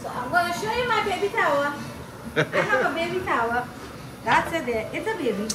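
A woman's voice: extremely high pitch, lively intonation, a little fast, background noise. Chatty Trinidadian woman cooking in echoey kitchen. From southern Trinidad. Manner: chatty and homely, repeats herself, laughs easily. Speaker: home cook. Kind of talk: casual cooking demonstration. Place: home kitchen. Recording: echoey kitchen with music behind.

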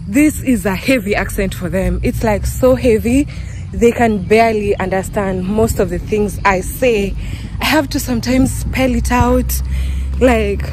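A woman's voice: fairly high pitch, background noise. A young woman with a Kenyan accent chatting casually to her phone camera outdoors, laughing often and joking about herself. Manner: chatty, laughs often, self-mocking asides. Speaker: vlogger. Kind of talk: casual vlog chat to camera. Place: outdoors, walking around town.

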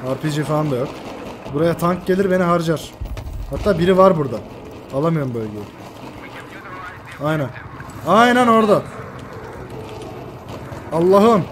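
Over clearly audible game noise and an engine's rumble, an excitable man with a high voice narrates his shooter match live. He's quick to yell and curse at the teammates playing alongside him.

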